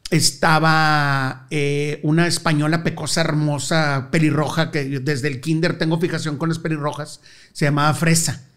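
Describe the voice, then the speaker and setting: Speaking as an interview guest, this middle-aged man has a northern Mexican Monterrey accent and a voice a bit high for a male. His storytelling is lively and full of slang, often dissolving into laughter during the relaxed interview.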